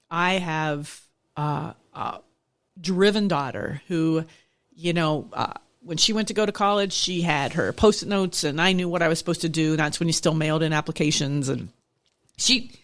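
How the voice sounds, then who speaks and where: Middle-aged woman with a gravelly voice. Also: on the low side, moderate pace, fairly bright tone. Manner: reflective, candid storytelling with frequent restarts. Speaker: nonprofit executive director, podcast guest. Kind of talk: conversational interview.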